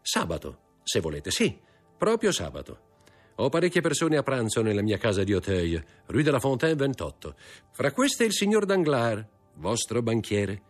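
A man's voice: mid-range voice, very animated, moderate pace, soft background music, pitched above the performer's own voice. A man doing a polished, courteous nobleman. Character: courteous, commanding nobleman host.

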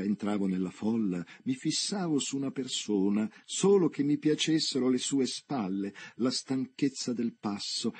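Casting: morbid, ailing young woman, read by a man, mellow husky voice, slow and musing. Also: mid-range voice, close to an everyday voice.

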